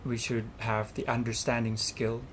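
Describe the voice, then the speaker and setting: A young man whose first language is Thai earnestly answers interview questions as a student representative, full of fillers and restarts. His mid-range voice holds a level tone at a moderate pace, with a little hiss or hum.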